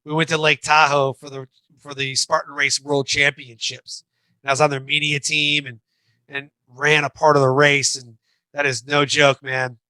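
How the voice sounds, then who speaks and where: Energetic bright-voiced man. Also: on the high side, moderate pace, dry recording. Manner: energetic, rambling with fillers. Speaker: podcast guest. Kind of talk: casual interview chat.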